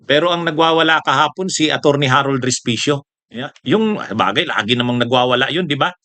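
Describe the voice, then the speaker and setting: Bright-voiced man mocking in casual commentary. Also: mid-range voice, a little slow, dry recording. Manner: mocking, chuckles often, tag questions to viewers. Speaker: political commentary host.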